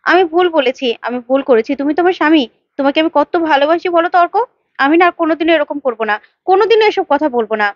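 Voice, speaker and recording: A woman's voice: high voice, lively intonation, racing, dry recording, lo-fi sound. A woman voicing a scornful young wife. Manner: mocking, scornful.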